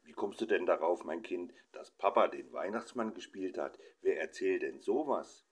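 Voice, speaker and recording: Guy doing the mom, kinda preachy and soothing, deep voice. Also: expressive, moderate pace, breathy edge. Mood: coaxing. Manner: soothing, coaxing. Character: coaxing, teacherly mother.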